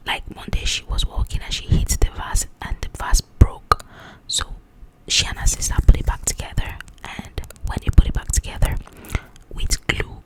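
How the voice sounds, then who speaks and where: With poor audio quality, a woman hosting an ASMR book channel chats in a breathy, confiding whisper about book highlights. She keeps it casual and conversational, checking that the listener follows.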